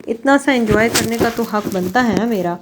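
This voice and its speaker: A woman's voice: a little high, background noise, lightly acted. A woman voicing a cruel, vengeful young man who makes sneering threats. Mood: taunting, menacing. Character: cruel young male villain, vengeful and taunting.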